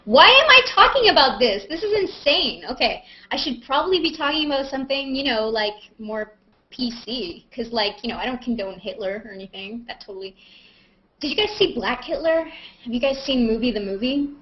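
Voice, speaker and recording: Hosting a live Q&A, an actress and vlogger chats casually on a livestream, thinking aloud, rambling, and poking fun at herself as she answers questions. Her voice is fairly high, expressive, and brisk, coming through dull lo-fi webcam audio on a computer video call.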